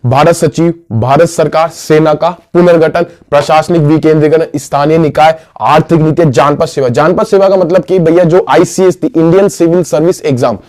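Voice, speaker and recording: Casual history teacher, slightly high voice. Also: male voice, fairly even intonation, normal speed, hardly any pauses, a little mellow. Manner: casual, asks and answers his own questions; calls listeners "bhaiya". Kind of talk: exam-prep history lesson.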